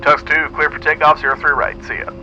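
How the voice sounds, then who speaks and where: A man gives fast, clipped pilot radio calls over a cockpit headset. His tone is sharp and bright. The channel sounds dull and muffled, with a faint aircraft hum underneath. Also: a little high, little pitch movement. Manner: terse, brisk radio phrasing. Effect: pilot radio call over a cockpit headset. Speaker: flight sim player making radio calls.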